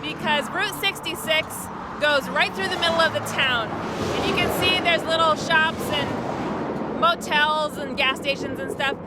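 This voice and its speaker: A woman's voice: sits high, unhurried, loud music behind the voice. A middle-aged woman talking to camera in a casual travel vlog, chatty and upbeat, a little out of breath, standing outdoors at an RV park. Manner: chatty, upbeat, laughs easily. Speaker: RV travel vlogger.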